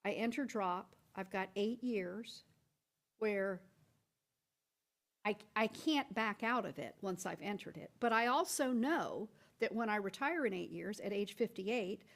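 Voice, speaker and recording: A woman's voice: medium pitch, lively intonation, measured pace. A woman school board member at a public workshop, laying out her point at length through step-by-step hypothetical examples with frequent restarts. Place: board meeting room.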